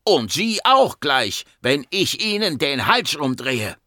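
A man's voice: medium pitch, big pitch swings, unhurried, fairly bright tone, no echo, clean studio sound. A man voicing a grieving, irritable doctor in his forties, bitter and agitated, in an audiobook. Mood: anguished.

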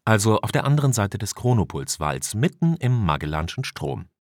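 A man reading an audiobook and voicing a male ship scientist who explains in a measured way. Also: lowish voice, big pitch swings, no room sound, clean studio sound. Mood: explaining.

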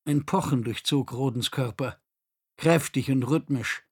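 Male audiobook narrator, husky, mid-pitched, even and measured.

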